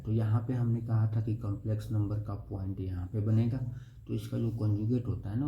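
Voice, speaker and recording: A man's voice: lowish voice, creaky, mellow. A young man teaching a math lesson step by step, often checking "okay?" with the class. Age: young adult. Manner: explains step by step, keeps asking "okay?". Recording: echoey room with faint noise.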